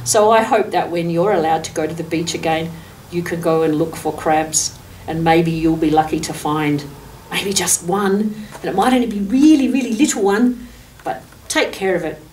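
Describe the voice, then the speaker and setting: An Australian woman in her sixties, seated in a furnished office, reads a picture book to young children, pausing for asides, explanations and questions. Her voice is on the low side and a little mellow, at a normal pace. The distant microphone picks up noticeable room noise.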